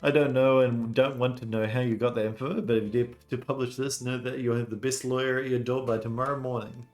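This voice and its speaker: A pompous, gossipy noble aunt, put on by a man with a raised, loud voice. She speaks in theatrical, scandalized exclamations. Soft game music plays faintly behind. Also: medium pitch, steady tone, brisk, pitched above the performer's own voice, natural voice. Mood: threatening. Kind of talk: voicing video game dialogue.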